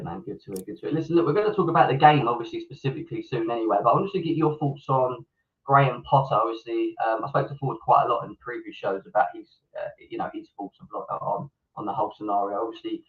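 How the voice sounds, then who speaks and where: A British man hosting a casual football fan show, his voice muffled and underwater-sounding through a faulty microphone. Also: mid-range voice. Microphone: malfunctioning microphone on a remote call.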